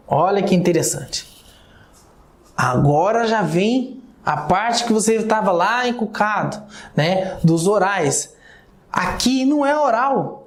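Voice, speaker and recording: A man's voice: sits high, a little mellow. A man with a Brazilian accent giving a recorded video lecture, explaining step by step and often calling out to his viewers. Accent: Brazilian Portuguese. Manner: explanatory, addresses viewers often with "olha só" and "galera". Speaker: teacher. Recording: roomy classroom echo.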